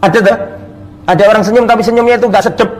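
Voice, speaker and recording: A male preacher giving a religious lecture, telling the story in an animated, conversational way and mixing in Arabic recitation. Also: sits high, racing.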